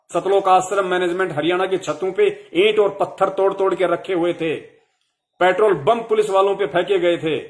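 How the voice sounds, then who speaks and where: A young man giving a heated devotional sermon to fellow followers, scolding them with rhetorical questions. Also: high-pitched.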